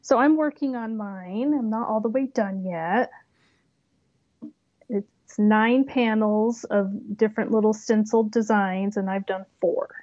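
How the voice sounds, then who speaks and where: A woman's voice: mid-range voice, a little slow, darkish tone, no room sound, highs cut off. A woman chatting casually about her hobby, rambling a little and often trailing off with "so". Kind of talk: casual chat.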